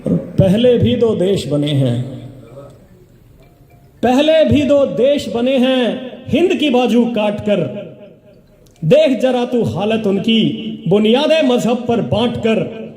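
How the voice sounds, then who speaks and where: High-pitched man reciting patriotic poetry. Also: expressive, dark tone. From Haryana, India. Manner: declaims slowly, repeating each couplet with rising emphasis. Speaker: poet. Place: event hall at an embassy, indoors. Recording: echoey hall recording.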